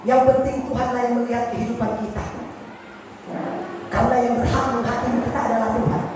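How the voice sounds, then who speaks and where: A woman pastor preaching a sermon with passion, swinging from soft pleading to shouted warnings. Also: a little high, level tone, fast, loud music behind the voice. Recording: echoey hall, mic far off, noisy.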